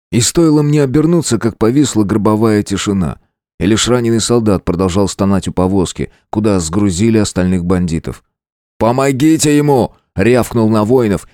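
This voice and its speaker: A man narrating a first-person adventure audiobook in a steady, measured way. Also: lowish voice, dry recording, clean studio sound.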